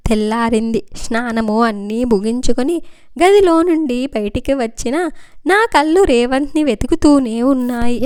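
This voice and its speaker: Woman narrator, clear high voice, dry close mic, gentle expressive read. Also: no room sound. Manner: soft, expressive storytelling. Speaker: storyteller. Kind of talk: scripted first-person narration.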